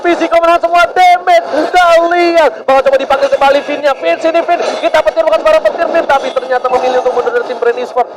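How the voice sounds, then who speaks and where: A man with an Indonesian accent giving urgent, excited play-by-play esports commentary like a fighting game announcer, often repeating phrases for emphasis. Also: very high-pitched, racing, hardly any pauses. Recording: clearly noisy game broadcast.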